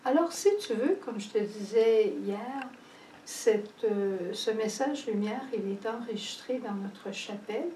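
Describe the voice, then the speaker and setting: A woman, giving a slow, measured homily on scripture with pauses, recorded in a chapel. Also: medium pitch, dark tone, a little hiss or hum. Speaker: preacher. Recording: echoey chapel, voice from a distance.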